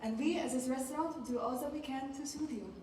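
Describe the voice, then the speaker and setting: A woman's voice: high-pitched, normal speed, a little mellow, slight background noise, close to an everyday voice. A teenage girl playing a fawning maître d' with a put-on French accent. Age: teens. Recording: echoey hall from far off.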